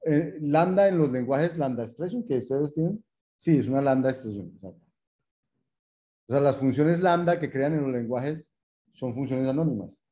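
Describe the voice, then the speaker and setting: In a mellow, medium-pitched voice, a man teaches programming through live coding, thinking aloud as he types. He explains with patience and repetition, speaks to students formally and checks in with rhetorical questions.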